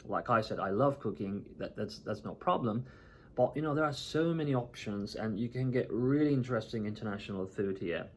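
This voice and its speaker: A man's voice: fairly low pitch, brisk, a little hiss or hum. A man from Turkey talking casually to the camera as a vlogger, chatty and often checking in with "right?" and "you know".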